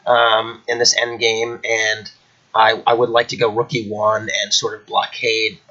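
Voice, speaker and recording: With a lowish voice that's pushed and bright, a man talks unhurriedly and in a completely flat delivery while hosting his chess channel at home indoors. A cold leaves him slightly nasal and congested, he rambles casually with many fillers, and the recording sounds muffled.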